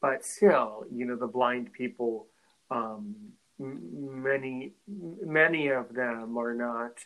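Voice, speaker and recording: This North American man hosts a conversational podcast interview in a halting manner, frequently repeating words before he finishes a thought. English is his first language and French his second; his voice is mid-range and fairly bright, and the recording quality is low.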